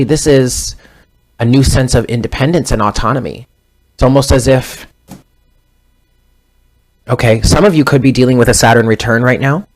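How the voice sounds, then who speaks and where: A man in his thirties giving a casual tarot reading, rambling and often correcting himself mid-sentence. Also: mid-range voice. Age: 30s. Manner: rambling, self-correcting, conversational. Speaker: tarot reader.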